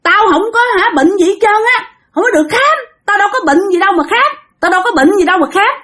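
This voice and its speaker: A woman voicing a feverish, possessed little boy who yells in a high, shrill voice. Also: lively intonation, fast talker. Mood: shrill, defiant.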